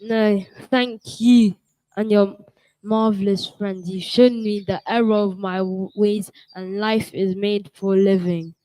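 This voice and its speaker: Woman playing a gentle lonely old inventor man. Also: mid-range voice, steady tone, slow, no echo, close to an everyday voice, poor audio.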